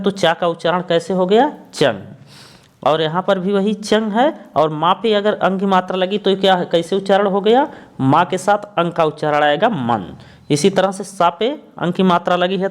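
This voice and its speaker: A man teaching a lesson, explaining patiently and repeating each point while he spells out letters slowly. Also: high-pitched.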